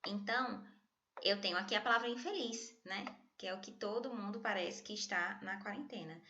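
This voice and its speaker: Brazilian woman, teacher, online lesson, chatty, jokey, bright voice, lo-fi home recording. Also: mid-range voice, fairly quick, slight background noise. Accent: Brazilian Portuguese. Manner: chatty, jokey, addresses students as "gente".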